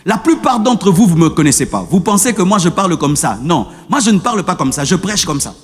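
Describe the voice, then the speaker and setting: Man, pastor preaching a sermon, quite high voice, very animated pitch. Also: brisk, slightly rough, in a large hall. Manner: swings between soft teaching and shouted preaching. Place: church.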